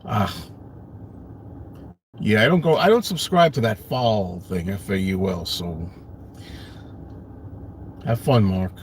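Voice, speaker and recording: Here the same kind of host, a middle-aged man with a New York Brooklyn accent, talks from his parked car in a lower register. He's animated but slow, leaving long pauses as he answers viewers in a rambling, self-deprecating, casual way, with slight background noise behind him.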